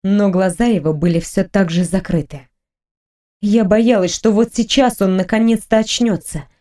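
A woman narrating a first-person audiobook in a slow, sensual, intimate way. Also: mid-range voice, mellow.

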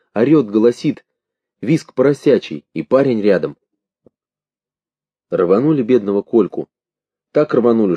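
A man narrating a literary audiobook in measured, expressive short phrases. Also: lowish voice, slightly rough, no room sound. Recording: dull lo-fi dry recording.

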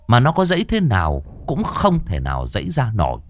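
A man's voice: mid-range voice, huge pitch swings, fairly quick. A man narrating a horror story vividly.

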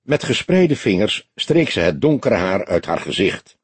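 A husky man with a low voice reading a detective story aloud, his pitch moving a lot. Dry, close sound with no room in it. Calm, measured storytelling. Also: dry recording. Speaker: audiobook narrator. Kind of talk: scripted narration.

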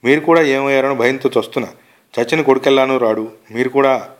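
A man's voice: medium pitch, fast talker, natural voice. A man doing a worried, tender wife. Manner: soothing, anxious. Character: caring, worried wife, tearful.

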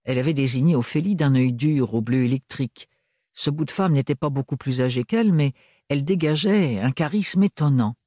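A male audiobook narrator of medium pitch reads a novel aloud from a script, measured and expressive as he tells the story. It's a dry, studio-quality recording.

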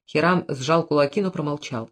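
Measured audiobook narrator. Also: medium pitch, a bit bright. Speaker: audiobook reader. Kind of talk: scripted narration.

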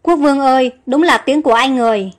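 Rich: A loyal old minister pleads nervously with his king, as a woman reads his part. Her voice stays high and light, with soft music faint behind it. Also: fast, natural voice. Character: fearful loyal older male minister.

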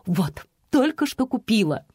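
A woman voicing a middle-aged female fan who talks in an excited, giggling, insistent way. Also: fairly high pitch, a little slow, husky, no echo, studio quality, pitched above the performer's own voice, exaggerated voice. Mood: gushing.

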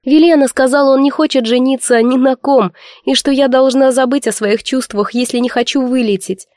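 A heartbroken young noblewoman, her high voice pleading and breaking into sobs, as a woman reading the book puts her on. The sound is dry and close. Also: fairly even intonation, fairly quick, a little mellow, no echo, close to an everyday voice. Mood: lovesick. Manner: sobbing, pleading, high-pitched. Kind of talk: audiobook character voice.

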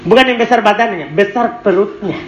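Reading a text aloud, translating it and quizzing students, this Arabic morphology teacher runs a call-and-response lesson. He speaks fairly quickly in a high, fairly bright voice. The audio is dull, captured in an echoey room with faint background noise.

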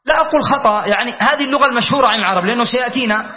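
A man's voice: very high voice, rapid-fire. A man teaching a classroom grammar lesson as a sheikh, explaining patiently, repeating words and often checking that listeners follow. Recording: dull lo-fi lesson recording.

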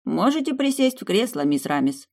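A woman's voice: mid-range voice, very animated, moderate pace, a little mellow, pitched above the performer's own voice. A woman voicing a stern young guard captain who speaks in a formal, businesslike way in a fantasy audiobook.

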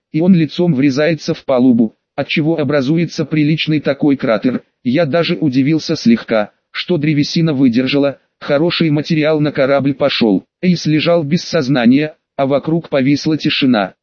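A man with a fairly high pitch and darkish tone reads an audiobook in the first person, telling the story in a casual, ironic way. The recording is dull, dry and lo-fi, with no echo.

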